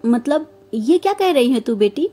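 A woman voicing an older, sharp-tongued mother-in-law who scolds and complains in a storybook. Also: high voice, lively intonation, moderate pace, slightly rough, faint music behind. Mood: complaining.

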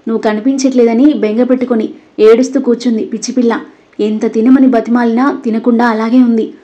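A woman's voice: fairly high pitch, flat delivery, fairly quick, warm tone, highs cut off, lightly acted. A woman voicing an anxious, loving grandmother who frets and scolds. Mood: fretful. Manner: fretful and scolding.

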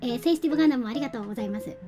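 High-voiced chatty woman streamer. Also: rapid-fire, mellow, faint music behind. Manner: chatty, giggly, reads out and thanks viewers. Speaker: game streamer. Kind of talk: casual live-stream chat.

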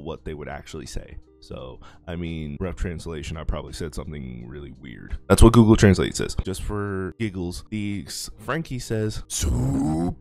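Here a YouTuber who hopes to do voice acting plays a game and talks casually, his low voice carrying a little mellowness. His commentary wanders, friendly and quick to poke fun at himself.

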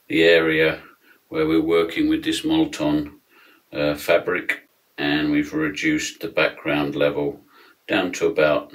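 A product demonstrator in his fifties walks through a technical demo in a very deep, low voice, keeping a measured, steady pace and filling pauses with frequent ums. He sits at his desk in a small, acoustic-foam-lined room, captured by a close camera.

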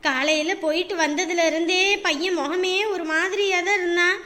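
A woman's voice: extremely high pitch, steady tone, normal speed, bright, forceful tone. A middle-aged woman playing an in-law in a family drama, chatty and explaining. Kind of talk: family web series acting.

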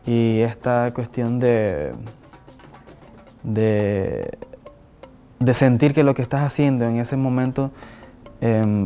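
In an indoor office lined with shelves and a flag, a Nicaraguan visual artist sits for an on-camera interview, answering reflectively with many restarts and tag questions. His mid-range voice is warm and smooth. A fixed camera frames him in a seated medium shot.

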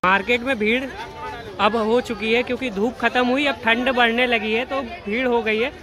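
A young man walks through an outdoor market, filming himself on a phone held at arm's length. He talks to his viewers in an upbeat, direct way, and his voice sits fairly high. A loud crowd fills the background. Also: fairly even intonation, normal speed. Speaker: vlogger. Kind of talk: walking market vlog. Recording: loud street crowd behind.

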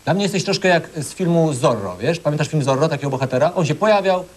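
Sarcastic guy judging auditions, fast and lively, show music under him. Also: a little high, a little hiss or hum. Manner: mocking, ironic. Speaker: talent show judge. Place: TV studio.

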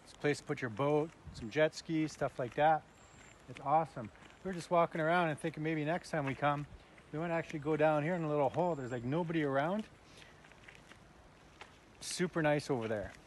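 A man's voice: a little high, fairly quick, long pauses, a little hiss or hum. A man in his fifties from Canada, talking casually and cheerfully to his phone camera outdoors at a forest campsite. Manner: upbeat, chatty, bursts of enthusiasm. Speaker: camping vlogger. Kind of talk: casual vlog chat to camera. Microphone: phone camera held close.

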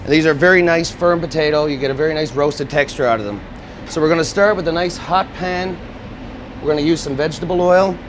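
Faint music plays behind a man whose voice is on the high side and a little fast. An executive chef on a lapel mic, he gives a cooking demonstration at a restaurant kitchen's gas range, steadily explaining a dish one step at a time.

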